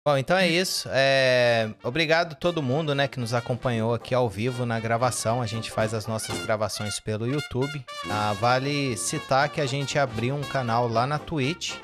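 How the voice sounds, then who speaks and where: A man hosting a podcast, giving relaxed, rambling thanks with fillers as he signs off. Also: mid-range voice, moderate pace, hardly any pauses, music in the background. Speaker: podcast host. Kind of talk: casual sign-off.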